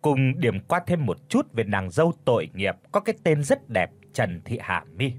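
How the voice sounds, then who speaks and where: Guy reading an audio story, husky voice, lots of up and down. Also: medium pitch, normal speed, no echo. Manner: expressive, dramatic storytelling. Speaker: audiobook narrator. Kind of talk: scripted story narration.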